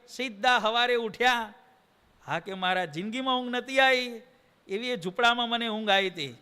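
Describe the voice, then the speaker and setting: A man's voice: high voice, pushed and bright, clean tone. A man with a Gujarati accent preaching a devotional sermon, telling a story and acting out its dialogue with shifting voices. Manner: acts out dialogue, shifting voices between characters. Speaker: swami preacher.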